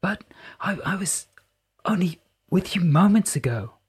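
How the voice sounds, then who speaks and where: A woman's voice: lowish voice, animated, a little slow, husky, voice pushed up, full character voice. A narrator voicing a young woman who asks earnest, urgent questions in a lifted voice.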